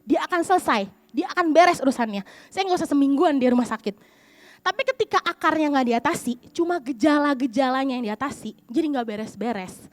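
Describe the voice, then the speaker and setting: A young adult woman pastor preaching in church, telling a personal story with lively acted-out dialogue. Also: high-pitched, a little fast, no echo. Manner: lively storytelling, acts out quoted voices.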